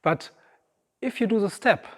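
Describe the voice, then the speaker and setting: Slow-spoken man in his fifties. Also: sits high, lively intonation. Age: 50s. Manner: reflective, personal, addresses the audience directly. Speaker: speaker. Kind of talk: inspirational stage talk. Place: large auditorium stage. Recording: long reverb of a large hall.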